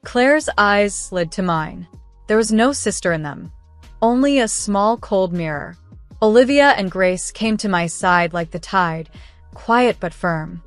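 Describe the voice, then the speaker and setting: A woman narrates a scripted story in the first person, using a measured, earnest, literary style. Her voice is mid-range, and there's no room sound.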